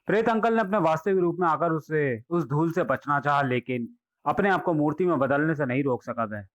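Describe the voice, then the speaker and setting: A man's voice: a little high, expressive, a little fast, dry recording, highs cut off. A man hosting a channel and reading a comic book aloud in a dramatic storytelling way. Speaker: channel host and comic reader.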